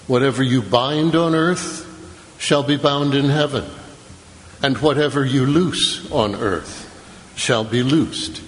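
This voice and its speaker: A man proclaiming the gospel at mass in a slow, measured liturgical reading, his voice carried by a cathedral echo. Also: mid-range voice, a little hiss or hum. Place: large church. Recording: long church reverb.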